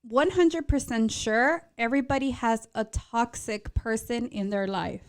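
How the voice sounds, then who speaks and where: A woman's voice: on the high side, measured pace. A woman around thirty co-hosting a casual podcast, speaking candidly and mixing Spanish phrases into her English. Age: 30s. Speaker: podcast co-host. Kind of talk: casual chat.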